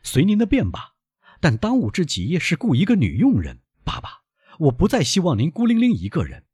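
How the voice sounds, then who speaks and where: A man doing a devoted young sailor son, raised high and pressing, husky, very dry close read. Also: wildly swooping pitch, brisk, darkish tone, no echo, full character voice. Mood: joyful. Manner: pleading, emphatic. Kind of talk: audiobook reading.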